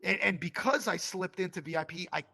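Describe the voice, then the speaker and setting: A man, a company co-founder, telling a story in a casual interview, animated and full of fillers. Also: sits high, brisk, vocal fry. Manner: animated, acts out quoted voices, lots of fillers.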